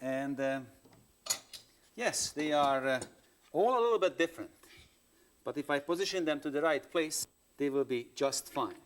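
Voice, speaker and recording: A man's voice: a little high, animated, normal speed, pauses often. A man patiently demonstrating woodworking step by step, speaking plain English with non-native phrasing, heard from a worn videotape copy. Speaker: woodworking instructor.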